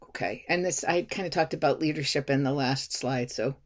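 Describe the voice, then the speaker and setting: A woman's voice: extremely low pitch, a little fast. A middle-aged woman giving a lecture to her class in a casual, chatty way, with many fillers and restarts. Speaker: instructor.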